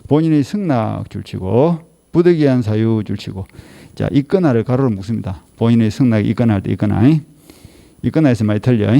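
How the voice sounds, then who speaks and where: A man's voice: mid-range voice, gravelly, warm tone. A middle-aged man with a Gyeongsang Korean accent gives an exam-prep law lecture, scolding and teasing his students with rhetorical questions.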